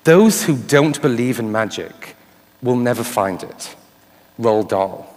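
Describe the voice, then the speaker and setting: A man's voice: mid-range voice, animated, slow pace, a little mellow. A man giving a live conference talk on stage, often putting questions to his audience. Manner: addresses the audience with rhetorical questions. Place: on stage in a large hall before an audience. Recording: reverberant hall with audience sound.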